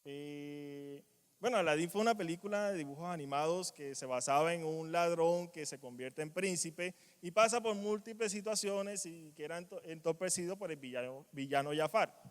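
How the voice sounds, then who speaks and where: A man preaching a sermon in a church, animated, acting out quoted cries and dropping to quiet asides. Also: fairly high pitch, moderate pace, clear, resonant tone. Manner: animated, acts out quoted voices, strong swings in loudness. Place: church hall. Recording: long church reverb.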